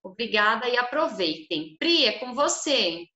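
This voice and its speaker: Woman host opening a live stream, friendly, bright tone, echoey room. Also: on the high side, sing-song, unhurried, highs cut off. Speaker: host, event organizer.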